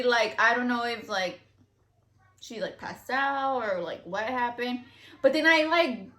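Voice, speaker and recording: A woman's voice: a little high, bright, forceful tone. A woman telling a long story to her viewers in casual chat, rambling with lots of fillers and cursing freely. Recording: echoey room.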